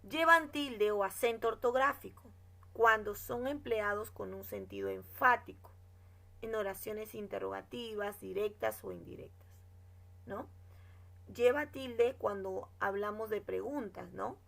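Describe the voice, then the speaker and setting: A woman's voice: medium pitch, animated, vocal fry, fairly bright tone. A woman teacher explaining grammar rules in a classroom lesson, reading example sentences and checking in with her students. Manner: explains slowly, checks with "¿no?" and "¿de acuerdo?"; reads example sentences aloud.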